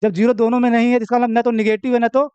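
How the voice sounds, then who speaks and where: A young male maths teacher with a Hindi accent lectures in a casual classroom style, mixing in jokes and checking in with the class all the time. His voice sits high and rings clear. The sound is dry and close, with no room echo. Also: flat delivery, racing, a little mellow, dull audio. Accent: Hindi, Uttar Pradesh. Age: young adult. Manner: chatty, joking asides, keeps asking "theek hai?".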